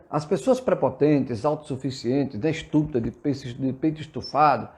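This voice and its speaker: Earnest Brazilian man preaching, mellow voice. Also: a little high. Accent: Brazilian Portuguese. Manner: earnest and exhortative, reads out viewer comments and replies. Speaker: spiritist preacher hosting a live session. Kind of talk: live sermon-style talk answering viewer comments. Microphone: livestream from a phone or computer.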